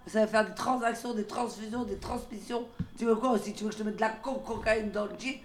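A woman with a high voice rambles in a loose, improvised way. She plays with words, letters and half-finished sentences. Faint noise sits behind her. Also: fairly even intonation, fast. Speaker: radio workshop participant. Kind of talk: freewheeling improvised chat.

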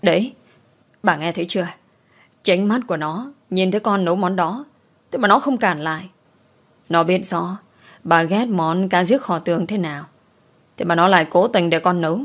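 A woman's voice: fairly low pitch, normal speed, long pauses, natural voice. A woman voicing a young maidservant who speaks politely and deferentially. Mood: accusing. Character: young maidservant, meek but quick-witted.

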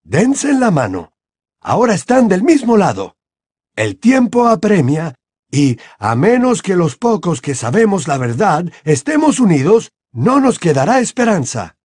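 A calm, commanding old headmaster of wizards, as the audiobook reader puts him on, raised high above a deep natural voice, husky, with a lively, swinging pitch. Every word is weighed and grave. The voice is dry and close, with no room around it. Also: male voice, no room sound, heavily acted. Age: over 60. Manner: measured, deliberate, grave. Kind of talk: audiobook character voice.

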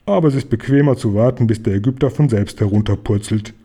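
A man's voice: medium pitch, fast talker, mellow, slightly rough, close to an everyday voice. Man playing a grumbling, boastful lion. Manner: grumbling, growly. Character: boastful lazy male lion.

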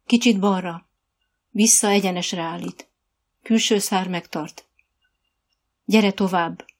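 Calm riding coach lady, steady soothing commands, gravelly edge, woman reading it. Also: medium pitch, close to an everyday voice. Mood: instructing. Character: calm encouraging female riding instructor.

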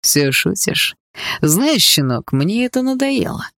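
A cruel, well-groomed villain who coaxes with a gentle fatherly tone and turns cold in a breath. His voice is gravelly and dry as a male narrator plays him, and it swings widely in pitch. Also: sing-song, slow, no room sound, full character voice. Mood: mocking. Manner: mock-gentle, fatherly menace. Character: smooth cruel middle-aged stepfather villain.

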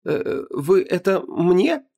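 A man's voice: sits high, very animated, takes it slowly, vocal fry, dark tone, pitched above the performer's own voice, full character voice. A man voicing a sardonic young woman, a restless spirit, who stammers and hesitates before turning sarcastic. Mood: hesitant.

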